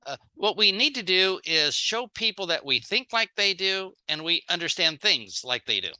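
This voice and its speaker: This sales trainer has a mid-range, sing-song voice with a sharp yet smooth tone and a measured pace. The seminar is delivered in short, plain phrases with pauses for an interpreter, and little example dialogues are acted out.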